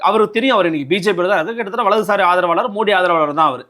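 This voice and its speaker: A man from Nadu, a journalist interviewing a politician, asking quick, probing questions and pressing his points. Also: high voice, sharp tone.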